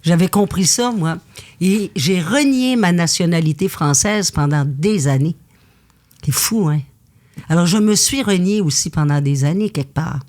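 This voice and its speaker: A woman speaks as a guest in an intimate conversation, her voice sitting a little low. She tells her stories with intensity and animation. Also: measured pace, darkish tone. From Quebec, Canada. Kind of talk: candid conversation.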